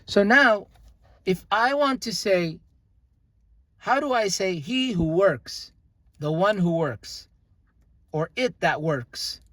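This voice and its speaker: A young man who teaches languages gives a relaxed grammar lesson, taking his time and often stumbling over fillers and restarts. His high voice is expressive and fairly bright, and the recording has no room sound.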